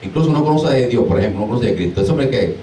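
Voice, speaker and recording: A man's voice: medium pitch, very fast, slight background noise. A man who is a deliverance minister, preaching informally to a small group, acting out exclamations and laughing as he goes, recorded far from the mic in an echoey room. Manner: animated, mimics exclamations, laughs while preaching.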